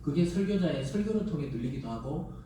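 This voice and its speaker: A man's voice: a little high, lively intonation, fast, mellow, a little hiss or hum. A middle-aged man preaching a Sunday sermon, emphatic and full of rhetorical questions to the congregation. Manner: emphatic, rises and drops sharply for stress. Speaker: pastor. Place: church sanctuary. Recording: echoey church sound from a distant mic.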